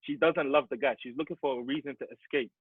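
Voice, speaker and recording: A man's voice: medium pitch, fairly even intonation, quick pace, husky, no room sound. A man, co-hosting a casual podcast and making blunt points, repeating himself for emphasis. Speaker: podcast co-host. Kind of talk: casual chat. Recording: thin phone-like audio.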